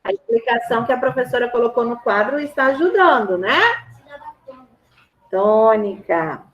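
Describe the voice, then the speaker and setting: Brazilian woman teacher, high voice, echoey room, keeps checking everyone gets it. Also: animated, quick pace, lo-fi sound. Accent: Brazilian Portuguese. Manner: patient, repeats and checks understanding. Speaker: schoolteacher. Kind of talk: grammar lesson to a class. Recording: roomy echo.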